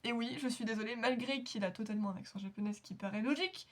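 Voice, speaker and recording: A woman's voice: a little high, quick pace. A woman hosting an anime reaction video, chatting casually in a rambling, giggly, self-mocking way. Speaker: anime reaction channel host.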